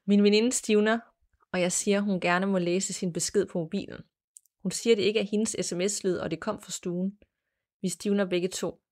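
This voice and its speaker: A woman hosting a podcast, reading a listener's ghost story aloud in a measured, plain storytelling manner. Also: medium pitch, steady tone, darkish tone. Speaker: podcast host.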